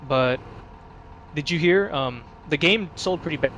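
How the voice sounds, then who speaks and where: A man casually chatting while playing a video game, relaxed, with lots of fillers and swearing. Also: a little high, measured pace, slight background noise. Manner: laid-back, swears a lot, many fillers. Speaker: let's play commentator. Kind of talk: casual gaming chat.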